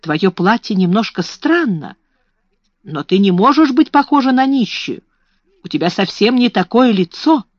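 A woman's voice: mid-range voice, sing-song, unhurried, no room sound. A woman playing a timid, kind young girl. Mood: earnest. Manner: timid, plaintive. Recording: dull, slightly muffled recording.

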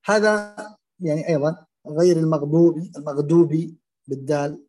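A man teaching Quran recitation, explaining and demonstrating common pronunciation errors in a halting, filler-heavy way. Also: on the high side, dark tone. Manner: hesitant, many fillers and restarts, demonstrates pronunciations aloud.

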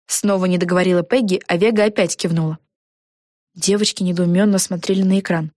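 A woman narrating a children's storybook, telling it in an even, clear way. Her voice sits on the low side. The recording is dry and close. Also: a little fast, dry recording.

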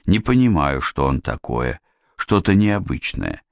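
A man voicing a shy, earnest young queen who talks quickly and apologetically, in an audiobook reading. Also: sits low, sing-song, vocal fry, no echo, full character voice. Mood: sheepish.

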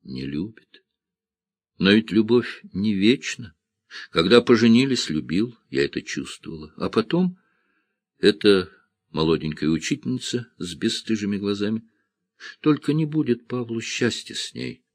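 A cheerful young village woman who laughs off her troubles and teases gently, read by a man. Her lines come lively and lightly mocking, in a fairly low voice. The sound is dry and close, with no room around it. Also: normal speed, no room sound. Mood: soft.

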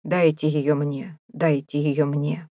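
A woman's voice: fairly low pitch, moderate pace, warm tone, dry recording, studio quality, lightly acted. A woman voicing a desperate, starving male prisoner who pleads and rages in an audiobook. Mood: pleading, indignant. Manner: pleading, wailing, indignant.

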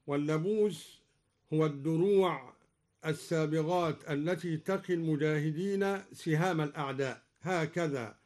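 A man who is a Quran scholar, explaining recitation variants on radio and chanting each example slowly and carefully. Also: sits high, darkish tone. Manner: explains, then chants slow measured examples.

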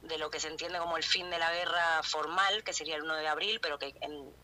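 A woman's voice: deep voice, steady tone, fast, bright, forceful tone. A Madrid-born woman anthropologist with a Rioplatense accent, answering interview questions hesitantly with many restarts. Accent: Rioplatense Spanish. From Spain. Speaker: anthropologist guest. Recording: radio interview over phone line.

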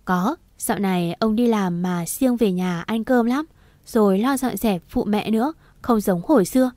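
Brief: woman voicing a homely older mother, mellow, close and dry. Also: mid-range voice, moderate pace, no room sound, natural voice. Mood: chatty. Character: warm worried older mother.

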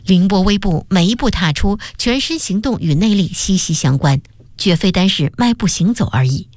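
A woman presenting a radio program and reading a novel aloud in a measured, expressive storytelling manner. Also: medium pitch, dry recording.

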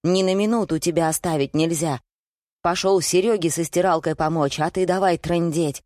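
A woman doing a gruff, bullying husband. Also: lowish voice, steady tone, moderate pace, darkish tone, dry recording, studio quality, natural voice. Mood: scornful. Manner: gruff and scornful. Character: coarse, bullying middle-aged husband.

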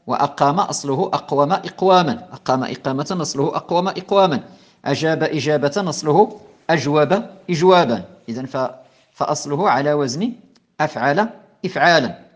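A man with a slightly higher voice delivers a recorded grammar lesson. He explains patiently, repeating examples and restarting phrases as he works through each point. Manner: slow, repetitive teaching with many restarts and fillers. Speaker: Islamic scholar teaching Arabic morphology.

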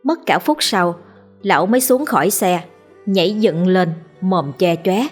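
A woman narrating a ghost story in a steady storytelling voice. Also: on the low side, a little slow, breathy edge, faint music behind.

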